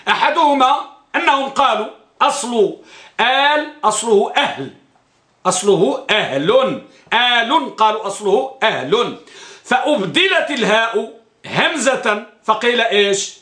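A man's voice: very high voice, expressive, moderate pace, pushed and bright. Man, religious teacher, classroom lecture, repeats key phrases, echoey room. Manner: asks the class questions and answers them himself. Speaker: Islamic studies teacher. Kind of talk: classroom lecture on a hadith text.

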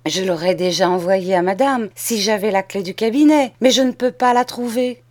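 A woman's voice: medium pitch, normal speed, darkish tone, close to an everyday voice. A woman reading aloud and voicing a clever, good-hearted young maid who outwits her mistress. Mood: innocent. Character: clever, kindly young maid, quick and sly.

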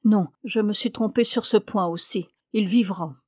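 A woman reading an audiobook, voicing a stern male professor who investigates a shooting, speaking in a measured, authoritative way. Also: mid-range voice, darkish tone, no echo, clean studio sound, lightly acted. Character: stern, sharp-eyed older male professor-detective.

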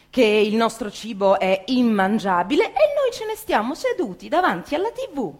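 A woman with a voice on the high side performs a dramatic theatrical monologue, impassioned and emphatic, with deliberate pauses.

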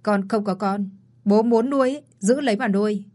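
A curt, arrogant rich young man from a storybook, voiced by a woman narrator. He talks clipped and cold at an ordinary middle pitch. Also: normal speed, dark tone, close to an everyday voice.

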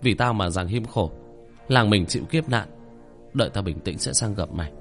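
A man playing a quiet, guilt-ridden young man. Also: lowish voice, animated, normal speed, soft background music. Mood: subdued.

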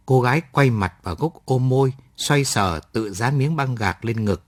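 A man's voice: medium pitch, no echo, studio quality. Male late-night story narrator. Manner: measured, expressive storytelling.

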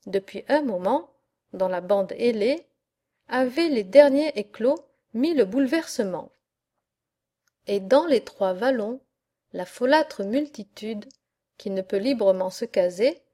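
Slow, mellow woman audiobook narrator. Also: fairly high pitch. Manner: measured, expressive reading. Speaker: audiobook reader.

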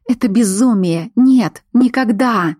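A woman's voice: fairly high pitch, slow pace, dark tone, husky, dry recording, studio quality, voice pushed up. A woman voicing a frantic mother near tears, pleading for her daughter in an audiobook story. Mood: alarmed. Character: frantic mother, tall red-haired woman.

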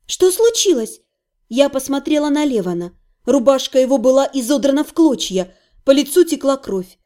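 A woman narrating a first-person fantasy audiobook in an expressive, lively reading. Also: sits high, brisk.

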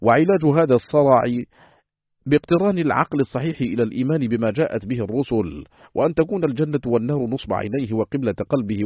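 A man reading a classical text aloud as an audiobook, in a formal, measured recitation style. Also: medium pitch, no room sound. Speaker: audiobook reader. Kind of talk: scripted narration of a classical text. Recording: tinny phone-like, dry, husky.

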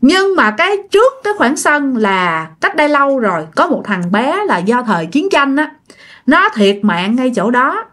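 A woman's voice: high-pitched, very animated, normal speed, fairly bright tone. A woman with a Southern Vietnamese accent narrating ghost stories in a chatty, casual way and speaking straight to her listeners. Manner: chatty, addresses listeners directly. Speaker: storyteller.

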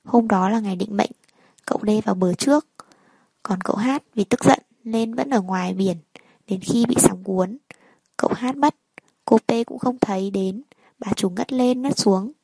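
Husky woman narrating a story. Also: mid-range voice, normal speed, dark tone, dry recording, poor audio. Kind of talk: first-person story narration.

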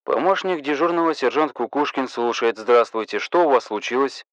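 A man's voice: medium pitch, lively intonation, moderate pace, no room sound, pitched above the performer's own voice, close to an everyday voice. A man voicing a young police duty sergeant answering calls, patient but curt and formal.

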